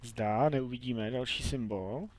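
A man's voice: medium pitch, darkish tone. A young man giving chatty, playful commentary while playing a video game, talking to himself and the game. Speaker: let's play gamer. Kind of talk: casual gameplay commentary.

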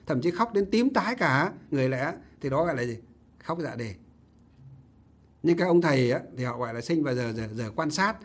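A man, a Buddhist monk telling a story in a conversational, animated sermon. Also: fairly high pitch, a little fast. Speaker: Buddhist monk giving a dharma talk.

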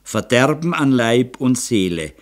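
A man's voice: mid-range voice, very animated. A man voicing a stern, reserved artist. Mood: bitter. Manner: hard, measured, restrained. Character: reserved middle-aged male artist, stern and bitter. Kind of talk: audiobook character reading.

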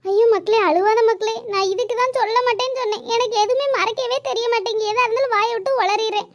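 Brief: a kindly older cartoon woman, very high and quick, apologetic and soothing. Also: fairly even intonation, fairly bright tone. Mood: pleading. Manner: pleading, soothing, repeats her pet word for him.

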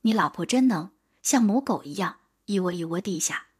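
Woman voicing a cheeky village boy, husky. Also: on the low side, lively intonation, normal speed. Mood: rude. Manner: blunt and cheeky. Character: defiant, sharp-tongued young village boy.

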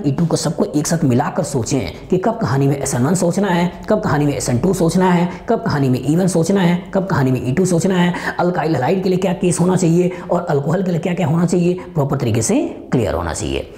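A man's voice: on the high side, mellow. Earnest middle-aged man drilling chemistry points. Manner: earnest, repetitive, drilling key points with a refrain. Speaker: chemistry teacher. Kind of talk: exam-prep lecture recap. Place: studio in front of a digital board, indoors. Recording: roomy studio echo.

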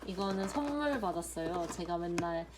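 A young woman vlogger narrating an unboxing in a chatty, playful way, muttering softly to herself while she handles things. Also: lowish voice, animated, normal speed. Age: young adult. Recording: loud background noise.

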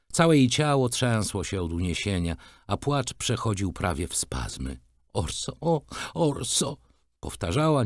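Lively low-voiced male storyteller. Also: no echo, clean studio sound. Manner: expressive storytelling with voiced characters. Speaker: reader. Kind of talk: dramatic literary reading.

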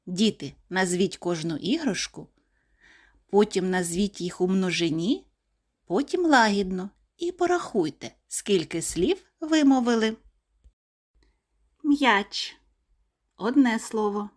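Slow, sing-song kindergarten teacher woman. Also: medium pitch, lively intonation. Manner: clear, deliberate word-by-word pronunciation. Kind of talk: slow, sing-song lesson for small children.

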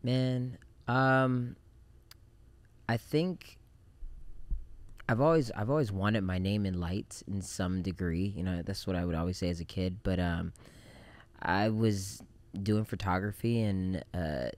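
A man in his thirties who grew up in Japan, a film director talking as a podcast guest in a relaxed, reflective way with many fillers, on a studio mic. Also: low-pitched, slow, pauses often, dry recording. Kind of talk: casual interview chat. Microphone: studio mic on boom arm.

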